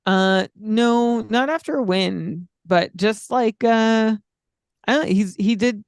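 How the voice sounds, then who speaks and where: A man with a slightly high, gravelly voice, talking through numbers in a measured, filler-laden podcast chat. The recording is dry and close. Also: no room sound. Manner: stat-heavy, measured, frequent fillers. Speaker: podcast co-host.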